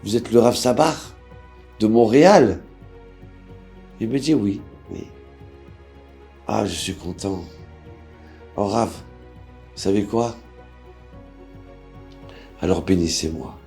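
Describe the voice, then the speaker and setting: A man, a rabbi, telling a story aloud with drama, acting out the people in it and swinging from hushed to loud. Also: lowish voice, slow, long pauses, soft background music. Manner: dramatic, voices characters with big swings in loudness. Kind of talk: emotional spoken storytelling.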